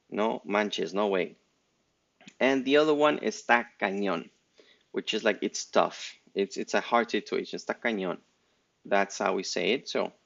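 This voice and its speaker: A man's voice: mid-range voice, creaky, a bit bright, lo-fi sound. A man from Mexico with a Mexican accent, giving a loose, unscripted Spanish lesson with many restarts and fillers. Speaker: Spanish teacher. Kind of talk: casual spoken language lesson.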